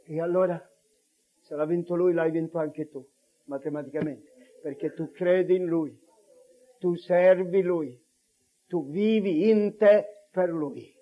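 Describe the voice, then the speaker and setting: A man preaching a fervent sermon, swinging between loud proclaiming and hushed asides. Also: a little high, takes it slowly. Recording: dull lo-fi recording.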